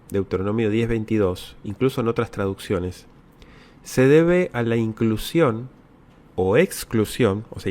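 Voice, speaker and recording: A man's voice: lowish voice, a little mellow. A man from Latin America teaching about the Bible as he answers viewer questions, explaining step by step and checking in with short rhetorical tags. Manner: didactic, repeats key words with frequent rhetorical tags.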